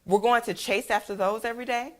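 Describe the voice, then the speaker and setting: A woman anchoring a news broadcast, reading the stories in a measured, even newsreader manner. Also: fairly high pitch. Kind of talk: read news report.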